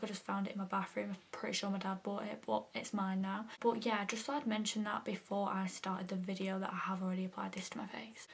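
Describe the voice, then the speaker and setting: A young woman chatting through a makeup tutorial, filling her talk with "like" and often dropping to a half-whisper. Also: medium pitch. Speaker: makeup vlogger. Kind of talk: casual makeup tutorial chat.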